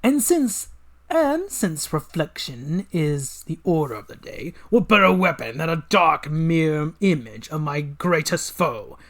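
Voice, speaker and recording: A man's voice: a little high, very animated, measured pace, fairly bright tone, full character voice. A grandiose cartoon villain, acted out by a man reading a comic aloud. He is a scheming, scornful mad scientist. His delivery is theatrical and pompous, savoring long words. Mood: commanding. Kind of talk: dramatic comic read-along.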